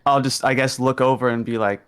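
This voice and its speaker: A man's voice: mid-range voice, fairly even intonation, brisk, a bit bright, clean tone. A man playing a tabletop game with a dry, sarcastic delivery. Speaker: player. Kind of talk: casual tabletop play.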